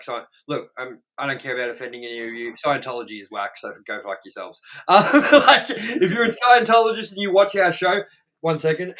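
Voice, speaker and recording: A young man with a slightly high, a bit bright voice co-hosts a movie review show. Reading movie trivia in casual conversation, he rambles bluntly, swears, and uses "like" as frequent filler.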